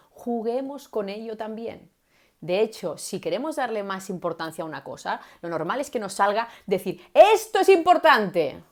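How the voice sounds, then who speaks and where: A woman voice coach giving a live-stream talk to viewers. She talks in a lively way and swings from loud passages to soft, hushed ones to show how volume works. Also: on the low side. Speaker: voice and communication coach.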